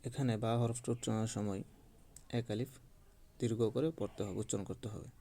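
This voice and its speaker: A man teaching Quran recitation in a slow, patient lesson, drawing out each demonstrated letter. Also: lowish voice, steady tone, mellow.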